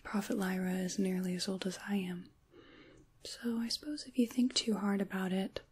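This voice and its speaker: Speaking at a moderate pace in a steady, medium-pitched tone, this woman portrays a kindly, ancient witch for a soft-spoken ASMR role-play. She whispers breathily, sounding musing, wry and gently reassuring, with a calm and fond feeling throughout.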